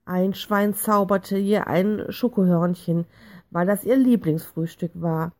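A woman narrating a children's storybook in a calm, clear reading voice. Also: mid-range voice, takes it slowly. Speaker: audiobook reader.

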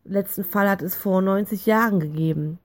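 A woman voicing a worried father who calmly explains things to his family in a storybook reading. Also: medium pitch, normal speed, close to an everyday voice. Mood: serious.

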